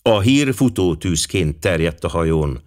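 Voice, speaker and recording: A man reading an audiobook as the narrator, in an expressive storytelling style. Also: low voice. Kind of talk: scripted narration.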